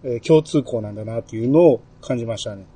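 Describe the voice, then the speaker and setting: A man with a Kansai accent hosting a casual podcast chat, relaxed and chatty, with many fillers and small laughs. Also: medium pitch, fast, breathy edge. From Kansai, Japan. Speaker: podcast host.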